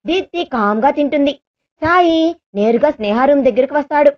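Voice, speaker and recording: A woman storyteller with a high voice reads out a love story in a steady, plain way. The recording is dull and lo-fi. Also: brisk. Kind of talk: read-aloud story narration.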